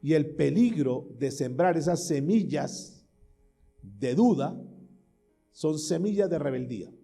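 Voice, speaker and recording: A man's voice: on the high side, big pitch swings, measured pace, vocal fry, warm tone, faint music behind. A male pastor preaching a sermon with emphasis, asking questions of his listeners and acting out short prayers and doubting voices.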